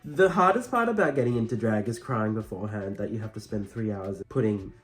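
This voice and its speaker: A man's voice: lowish voice, fairly quick. A man with a campy, dryly self-deprecating drag queen delivery, chatting casually through a makeup tutorial.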